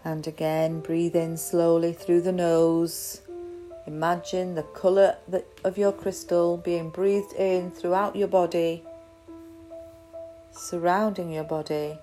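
A woman guiding a crystal meditation in a slow, soft, soothing way. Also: on the low side, flat delivery, soft background music. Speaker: meditation guide.

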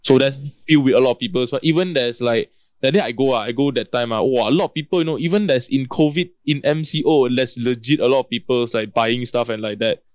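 A man's voice: mid-range voice, fast talker, no echo. Malaysian man chatting in casual Singlish-style English. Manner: colloquial Singlish-style speech with lah, man and bro. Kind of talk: casual chat.

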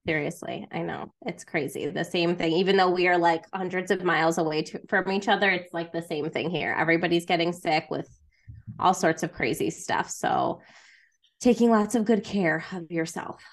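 A woman's voice: lowish voice, normal speed. A woman co-hosting a podcast, chatting in a friendly, loose way with lots of fillers. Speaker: podcast co-host and trauma therapist. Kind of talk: casual podcast conversation. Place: remote recording, far from co-host.

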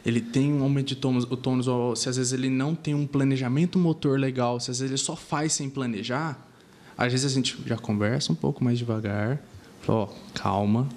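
A man's voice: medium pitch, fairly quick. A man, a physiotherapist talking through how he works with patients and acting out what he tells them. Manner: animated, acts out what he says to patients. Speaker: physiotherapist guest. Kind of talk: conversational explanation.

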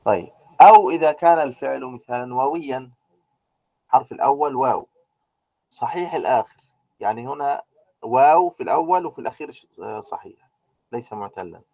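Male teacher, mellow tone, dry close sound, patient step-by-step explainer. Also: mid-range voice, brisk, pauses often, no room sound, muffled recording. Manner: explains step by step, with many "aah" fillers and rhetorical questions. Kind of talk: grammar lecture.

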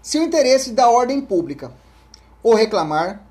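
Very animated at a normal speed, with a darkish tone, a man with a Brazilian Portuguese accent teaches an exam-prep law lecture. He reads statutes aloud and repeats key points, and keeps checking in with listeners while often fading into a low murmur.

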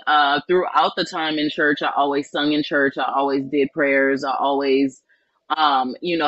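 A woman from New Orleans, a spiritual life coach, telling her life story in an earnest, reflective way with many pauses and ums. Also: low voice, fairly bright tone, dry recording, dull audio. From New Orleans, Louisiana. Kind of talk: personal storytelling in an interview.

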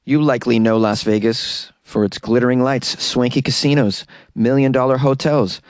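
A man's voice: medium pitch, a little mellow, no room sound, studio quality. A man hosting a comedy podcast, casually reading out odd news in a wry, mock-earnest way with rambling asides.

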